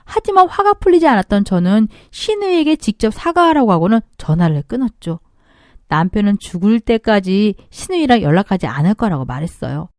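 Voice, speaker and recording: A woman's voice: medium pitch, big pitch swings, a little fast, no room sound, studio quality. A woman reading a story aloud for a story-radio channel, expressively acting out the writer's feelings. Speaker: story narrator.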